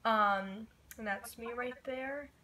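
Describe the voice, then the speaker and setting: A young female YouTuber speaks slowly in a sharp, higher-pitched voice while recording a casual tutorial vlog on her phone from her bed at home. Her talk is chatty and meandering, packed with "like" and "um," and the phone-recorded audio carries slight background noise.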